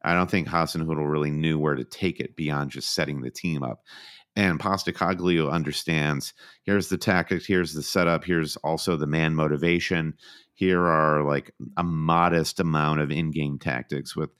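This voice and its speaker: A man's voice: a bass voice, steady tone, normal speed, fairly bright tone, clear, resonant tone. A man co-hosting a casual football podcast, laying out earnest, opinionated analysis in long run-on sentences. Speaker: podcast co-host.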